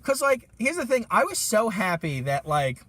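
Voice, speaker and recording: A high-voiced man talking loosely on a movie podcast. He rants with heavy swearing and lively swings, often jumping up in pitch and volume when he gets worked up. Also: moderate pace, no room sound. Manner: profane, animated, ranting. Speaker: podcast co-host. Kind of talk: casual movie review chat.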